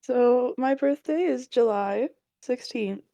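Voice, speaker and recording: A woman's voice: on the high side, slow, dark tone, no echo, lo-fi sound. A woman in her twenties co-hosting a podcast, cheerful and giggly in casual chat, with a slightly hesitant, filler-laden way of talking. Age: 20s. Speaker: podcast co-host.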